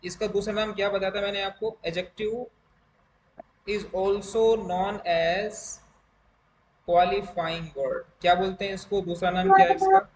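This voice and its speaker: Slow, high-voiced man teaching English. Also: expressive. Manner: explains slowly, drawing out English words. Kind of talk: online class lesson. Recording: echoey room with faint noise.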